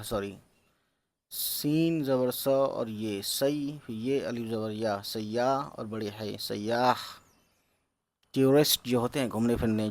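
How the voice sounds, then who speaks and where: A man teaching reading, sounding out each letter and syllable slowly and patiently, with English words mixed in. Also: lowish voice. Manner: mixes English words into explanations. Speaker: Urdu teacher.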